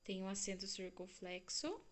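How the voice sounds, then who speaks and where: A woman's voice: medium pitch, expressive, moderate pace, very noisy. A woman teaching a recorded lesson to young children with a Brazilian Portuguese accent, stretching out syllables and asking the class questions. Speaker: primary school teacher.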